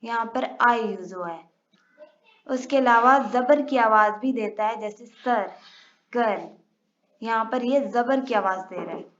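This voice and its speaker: Woman teacher, young, slow and deliberate, dull lo-fi sound. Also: fairly high pitch, fairly bright tone. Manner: slow, careful, spells out letters and sounds. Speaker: English teacher. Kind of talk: recorded lesson. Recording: dull lo-fi recording.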